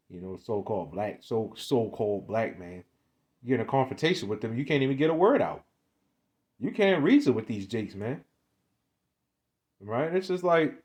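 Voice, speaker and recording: A man's voice: fairly low pitch, darkish tone. A man in his twenties giving a casual, rambling monologue, often stammering and repeating words, with street slang. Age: 20s. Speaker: online commentator.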